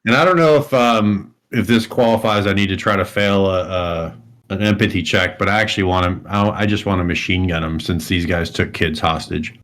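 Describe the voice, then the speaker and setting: Man, player, very low pitch, deliberate, describing in-game actions. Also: fairly bright tone. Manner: deliberate, stating his character's actions. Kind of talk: casual tabletop game chat.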